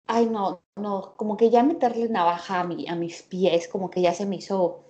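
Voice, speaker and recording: A woman's voice: mid-range voice, fairly even intonation, moderate pace, a little mellow, dull audio. Enthusiastic woman chatting. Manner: enthusiastic, rambling, many fillers. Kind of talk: casual chat.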